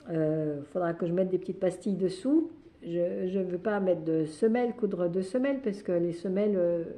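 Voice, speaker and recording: A woman's voice: fairly low pitch, mellow. A woman hosting a knitting podcast, chatting casually and hesitantly, with frequent fillers and restarts. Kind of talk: casual chat.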